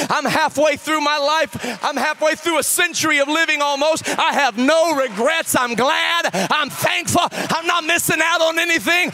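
Man in his forties, preacher, very high bright voice, shouting and half-singing, soft confiding stretches. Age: 40s. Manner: drops to soft, low confiding tones. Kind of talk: sermon.

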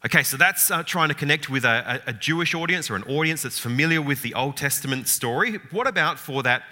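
Pitched a little high, this man's pushed, bright voice moves at a quick pace with lively intonation. He is a Bible teacher giving a thoughtful, informal lecture heavy on fillers, restarts and rhetorical questions, recorded with long hall reverb.

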